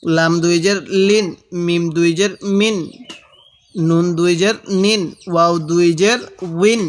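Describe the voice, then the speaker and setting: A man teaching Quran reading, drilling letter sounds slowly and asking listeners to repeat after him. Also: high voice, fairly even intonation, clear, resonant tone. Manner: drills letters aloud with repetition, asks viewers to repeat. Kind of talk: slow step-by-step recitation lesson.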